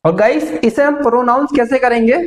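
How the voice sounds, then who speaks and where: A woman teaching spoken English, counting numbers slowly and explaining patiently. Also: fairly high pitch, roomy sound, rough recording. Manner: slow, drawn-out counting of numbers; explaining patiently to her viewers. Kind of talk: classroom lesson.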